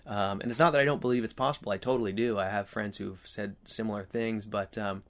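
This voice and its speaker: A man chatting casually to his viewers as host, earnest and reflective, with halting, rambling phrasing and a slight whistle on his s sounds. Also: lowish voice, steady tone. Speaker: video host.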